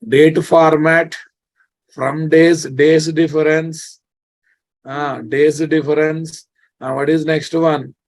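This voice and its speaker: A man's voice: fairly high pitch, flat delivery, takes it slowly. A man with a Telugu Indian accent giving an informal live programming lecture, often repeating phrases and checking that his students follow. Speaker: programming instructor.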